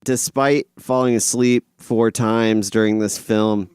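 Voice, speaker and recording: Easygoing low-voiced man. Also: steady tone, slow pace, a little mellow, clean tone, no room sound, studio quality. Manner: easygoing, rambling, hesitant with fillers. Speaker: podcast co-host. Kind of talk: casual film review chat.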